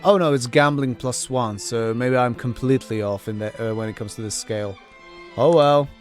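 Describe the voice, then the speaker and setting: A man giving casual commentary on his own playthrough, halting, repeating words and swearing freely. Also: mid-range voice, soft background music. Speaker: gamer narrating own playthrough.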